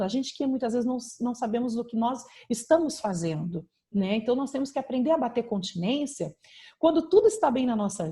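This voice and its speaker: A woman's voice: fairly high pitch, darkish tone. A woman pastor with a Brazilian Portuguese accent, preaching and giving a personal testimony over a video call, emphatic, with frequent tag questions.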